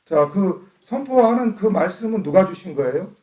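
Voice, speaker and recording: Middle-aged korean pastor from chungcheong, bit high voice, cracking jokes, heard from back of an echoey church. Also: male voice, expressive, moderate pace, mellow. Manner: jokey, laughs often, asks the congregation questions. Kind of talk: sermon. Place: church hall. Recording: echoey church hall, distant mic.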